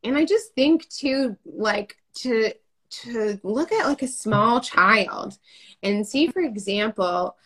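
A woman's voice: fairly high pitch, lively intonation, takes it slowly, a bit bright. A woman hosting an interview, chatty and playful, acting out little quotes, over a video call. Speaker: host. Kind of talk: casual interview chat.

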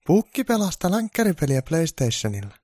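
A man voicing an old Mrs. Claus in a high, matter-of-fact voice for a comic story. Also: big pitch swings, a little mellow, slightly rough, no echo, studio quality. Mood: explaining. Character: calm explaining Mrs. Claus, old woman.

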